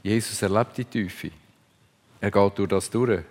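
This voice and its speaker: A man's voice: fairly low pitch, fairly even intonation, unhurried, a little mellow. A man preaching a sermon, earnest and reflective, speaking in short phrases. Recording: long reverb of a large hall.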